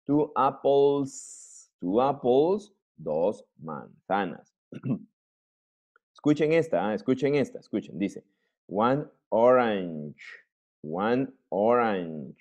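A man teaching an English class online in Peruvian Spanish, patient and drilling words slowly. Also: medium pitch, expressive, a little mellow.

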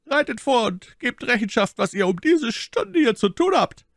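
A man's voice: very high-pitched, very animated, moderate pace, gravelly, fairly bright tone, no echo, clean studio sound, voice pushed up, heavily acted. A man voicing a commanding, cunning male cardinal with a ringing, imperious tone, in a storybook reading.

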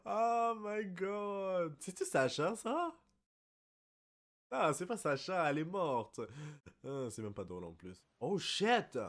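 A young man with a Québécois French accent giving casual reaction commentary, excitable and apologetic, blurting out English exclamations. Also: fairly high pitch, normal speed. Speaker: anime reaction YouTuber.

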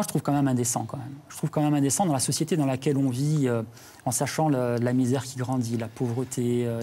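A comic book writer talking in a TV studio, hesitant and earnest, with many fillers. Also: male voice, mid-range voice, warm tone, slightly rough. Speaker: comic book writer, festival jury member. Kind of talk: TV studio talk.

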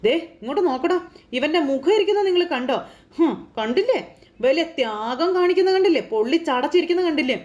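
A woman voicing an angry, indignant middle-aged mother who scolds her son in sharp outbursts. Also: sits high, expressive, quick pace, pitched above the performer's own voice. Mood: scolding.

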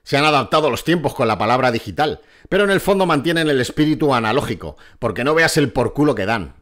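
A man's voice: mid-range voice, animated, fast, fairly bright tone. Mocking, foul-mouthed male commentator. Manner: mocking, crude, swears freely. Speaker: political commentator. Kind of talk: sarcastic commentary over a clip.

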